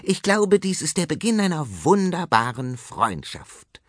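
A man voicing a brash, boastful male tomcat who talks fast and pushy in a storybook. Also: fairly high pitch, sing-song, a bit bright, dry recording, pitched above the performer's own voice. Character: brash male tomcat film director, cocky hustler. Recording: dry studio audiobook.

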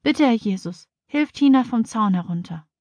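A woman voicing a calm, trusting, devout little girl in a children's audiobook. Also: on the high side, moderate pace, no echo, muffled recording. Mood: earnest. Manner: earnest, sincere.

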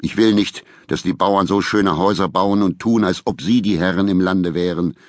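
A man's voice: sits low, steady tone, normal speed, dry recording, clean studio sound, lightly acted. A man voicing a cruel, envious overlord who speaks in an imperious, domineering way. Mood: contemptuous. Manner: imperious, haughty.

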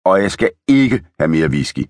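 A man's voice: low voice, big pitch swings, a little mellow, no room sound, clean studio sound. A man voicing a flustered, protesting eleven-year-old boy in a children's audiobook. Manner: protesting, pleading.

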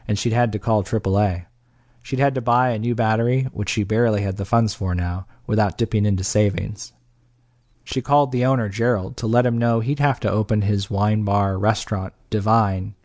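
In clean studio sound with no echo, a man with a fairly low voice narrates an audiobook in a steady, measured way.

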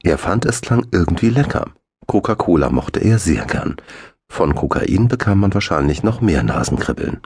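A man reading a children's audiobook aloud in a lively, expressive way into a close studio mic. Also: deep voice, normal speed, vocal fry, slightly rough, dry recording. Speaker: audiobook narrator. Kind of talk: scripted narration of a children's book.

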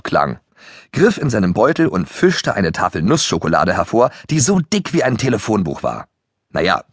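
A man narrating a children's audiobook in a lively storytelling way. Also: lowish voice, no room sound, studio quality. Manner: lively storytelling, voicing the characters.

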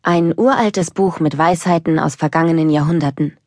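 Low-voiced woman narrating a children's story. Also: normal speed, a little mellow, no room sound, clean studio sound. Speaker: audiobook narrator.

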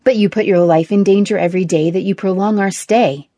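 A woman narrator voicing a steady male aide who speaks in a level, measured way. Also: high-pitched, dry recording. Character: level-headed male aide, even-toned.

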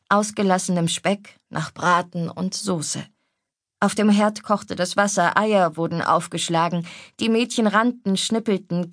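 A woman narrating a novel as an audiobook reader, in a calm, even storytelling manner. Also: medium pitch, no echo, clean studio sound. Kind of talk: scripted narration.

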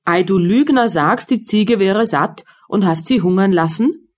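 A quick-tempered old tailor from a fairy tale, read by a woman. He talks sternly and slowly. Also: mid-range voice, animated, lightly acted. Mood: angry.

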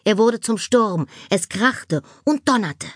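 A woman narrating a children's audiobook with slow, expressive reading. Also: medium pitch, breathy edge, dry recording, studio quality.

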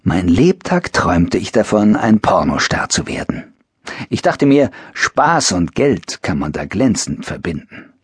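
Husky man with lively narration. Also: on the low side, a little slow, no room sound, clean studio sound. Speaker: audiobook narrator. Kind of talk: first-person scripted narration.

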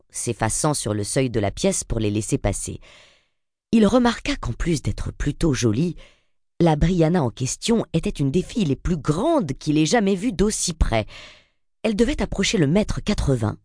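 Female audiobook narrator, low and mellow, very expressive delivery, dry studio sound. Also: no room sound.

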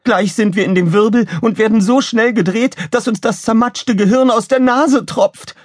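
A man voicing a feisty, excitable female spaceship pilot in a storybook. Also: normal speed, no room sound, studio quality. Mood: excited. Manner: shrill, excitable exclamations.

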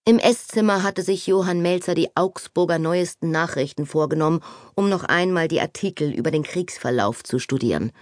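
A woman narrating a novel as an audiobook, expressive and animated. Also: on the low side, fairly quick, dry recording, studio quality. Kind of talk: scripted narration.

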